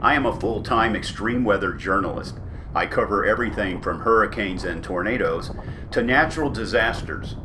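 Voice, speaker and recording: A man's voice: fairly low pitch, moderate pace. A man giving a scripted narration as a weather journalist reviewing gear. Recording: clear background noise, storm ambience.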